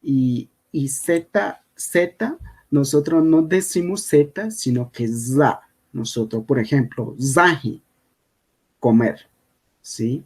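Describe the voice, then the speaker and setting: A man's voice: on the high side, animated, warm tone, breathy edge. A man whose first language is Kogui teaching a language lesson over slides, often checking in with the listener. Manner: unhurried, checks in with frequent "¿sí?".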